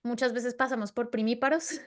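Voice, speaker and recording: A woman's voice: a little high, fairly even intonation, fairly quick. A woman from Latin America hosting a casual interview, talking earnestly with fillers like "como" and tag questions. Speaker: podcast host.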